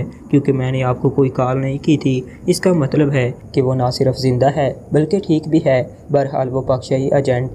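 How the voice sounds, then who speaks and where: A man's voice: mid-range voice, dark tone, a little hiss or hum, lightly acted. Man reading as an anxious, agitated head of state. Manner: agitated, barking orders.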